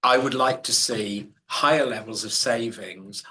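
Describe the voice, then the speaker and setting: A man contributes to a board meeting over a video call. His voice is mid-pitched with a bright edge. He talks thoughtfully, pausing often with ums. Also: a little hiss or hum. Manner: hesitant, many ums, thoughtful. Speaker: board member.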